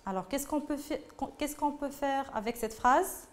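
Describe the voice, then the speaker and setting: A woman's voice: high-pitched, a little slow. A woman teaching a French grammar lesson, talking patiently to pupils and repeating phrases as she goes.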